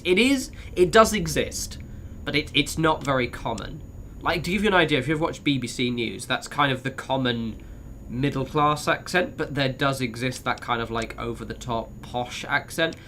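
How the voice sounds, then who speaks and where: A man's voice: on the high side, moderate pace, bright, forceful tone, a little hiss or hum. A man with a modern British Received Pronunciation accent, giving chatty, sweary, bantering commentary as he streams a game. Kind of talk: casual gameplay commentary.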